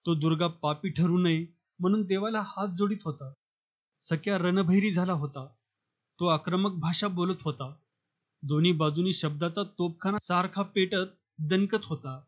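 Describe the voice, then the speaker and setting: Guy reading a story audiobook, kinda high voice, muffled audio. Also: moderate pace. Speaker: narrator. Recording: dull lo-fi recording.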